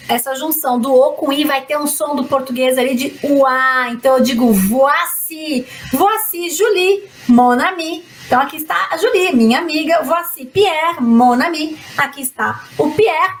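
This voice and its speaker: A woman with a very high voice teaches French in a live online lesson. She coaxes her viewers along in a lively way, slipping French phrases in among her Portuguese. A faint hiss of noise sits under her voice.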